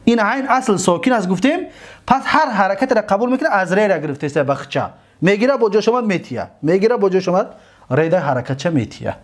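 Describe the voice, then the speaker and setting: A man with a Tajik accent teaching grammar, drawing out and repeating each word form slowly for his students. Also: high voice, animated. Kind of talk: grammar lecture.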